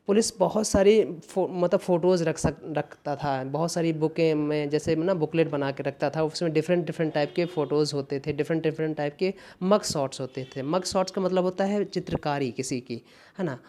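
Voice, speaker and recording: Mellow-voiced male tutor explaining answers. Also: fairly high pitch. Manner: repeats words and spells them out letter by letter; asks and answers his own questions. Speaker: English exam tutor. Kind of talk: exam-prep lesson explaining answers.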